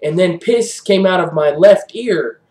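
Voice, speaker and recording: A man hosting an improvised comedy review show, rambling deadpan with fillers. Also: high-pitched, measured pace, roomy sound.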